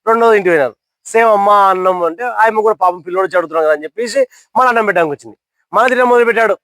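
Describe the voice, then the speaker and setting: A man's voice: high-pitched, racing, a bit bright. A young man telling a motivational story to listeners, asking them questions and acting out characters' lines.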